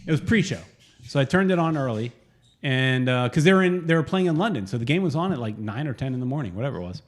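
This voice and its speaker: A middle-aged man with a mid-range voice speaks quickly as co-host of a casual soccer fan podcast. He jokes around and tells stories in an animated way.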